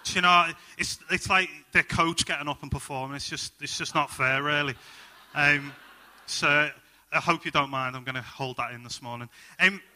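A man's voice: on the high side, normal speed, bright, forceful tone. A young man with a Liverpool accent preaching a sermon full of personal stories, upbeat and jokey, with plenty of ums.

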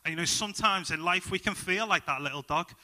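A man's voice: high-pitched, fast, sharp tone. A young man with a Liverpool accent preaching a sermon full of personal stories, upbeat and jokey, with plenty of ums.

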